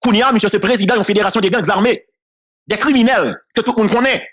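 A man from Haiti delivers solo political commentary in a high, sharp voice. He talks at a rapid clip, hammers his key phrases again and again, and laughs briefly between points.

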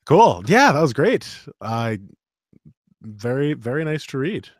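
A man's voice: medium pitch, very animated, unhurried, no echo, clean studio sound. A man hosting a live show, chatting casually and animatedly with fillers and laughs. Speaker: host and audiobook narrator.

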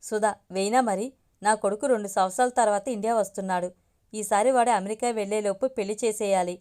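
A woman's voice: mid-range voice, steady tone, fast, darkish tone, lightly acted. A woman as an eager middle-aged mother. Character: excited middle-aged mother awaiting her son.

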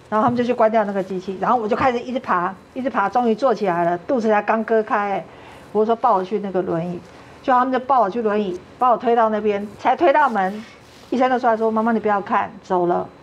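A woman with a medium-pitched voice and a Taiwanese Mandarin accent earnestly narrates a personal story on a talk show, dramatizing quoted dialogue. The audio is lo-fi, with a little hiss or hum.

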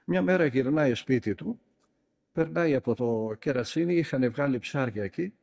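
A monk preaching with a dark, mellow voice of middle pitch. He tells stories in a lively way and drives his points home with emphatic, scolding remarks. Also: gravelly. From Greece. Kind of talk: sermon.

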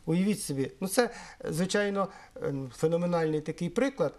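A middle-aged man from Ukraine explaining things in an interview, measured and pausing often on fillers. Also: a little high, darkish tone. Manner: measured, with frequent hesitations and fillers. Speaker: interviewee, Esperanto historian.

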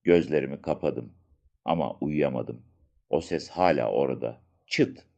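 A man with a very deep, gravelly voice reads a first-person story aloud as an audiobook narrator. His storytelling is slow and hushed with dramatic pauses, and the recording is muffled.

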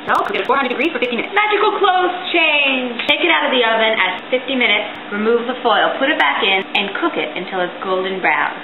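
A young woman hosting a casual home cooking video, playful and chatty, talking through each step from her kitchen. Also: medium pitch. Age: young adult. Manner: playful, chatty, sing-song asides. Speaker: vlogger cooking host. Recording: tinny lo-fi camera audio in an echoey room with hiss.

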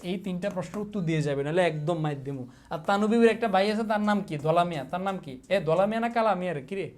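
Teasing coaching teacher. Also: male voice, sits high, fast, a little mellow. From Bangladesh. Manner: teasing, repeats questions, mock threats, drills students. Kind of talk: casual exam-prep class.

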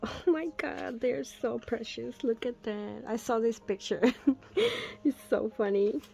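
Slow-talking gushing young woman. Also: a little high, faint music behind. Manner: gushing, breathy gasps and soft whispered asides. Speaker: fan unboxing a photobook. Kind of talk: casual unboxing commentary.

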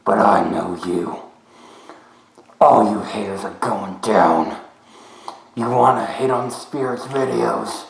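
A young man voicing his menacing alter ego in a disguised deep voice, issuing slow threatening warnings. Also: reverberant, rough recording. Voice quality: gravelly, slow and low. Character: menacing alter ego of the vlogger, a brooding young male protector.

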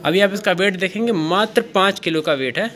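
A seller presents a product on camera in a small indoor room, speaking casually in a high, brisk, fairly bright voice. He piles on fillers, repeatedly asks himself "kya," and corrects himself along the way.

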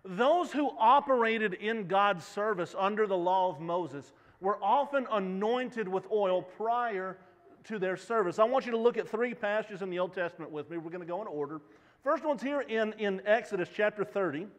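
Pacing the stage of a church sanctuary, a preacher in his thirties gestures and puts questions to his congregation. His high voice has lively intonation at a normal speed, carried by the hall's long reverb.

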